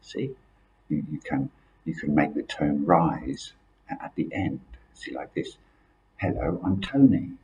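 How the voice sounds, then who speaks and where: A man's voice: a bass voice, a little slow, a little mellow, poor audio. A man with a British accent teaching a casual spoken lesson as an accent coach. He often repeats words as he restarts and keeps checking in with "see?".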